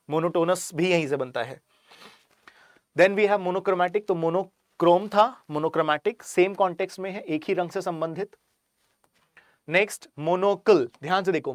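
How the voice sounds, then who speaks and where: A man teaching an English vocabulary lesson, explaining in Hindi and reading English example sentences slowly. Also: a little high, no echo, clean studio sound. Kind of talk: online exam-prep vocabulary lesson.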